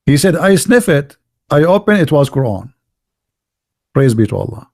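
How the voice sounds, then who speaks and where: Here a middle-aged host of a live religious debate show talks at normal speed in a fairly high, sing-song voice that is gravelly yet a little mellow. His delivery is mocking and sarcastic, in broken English with a heavy accent.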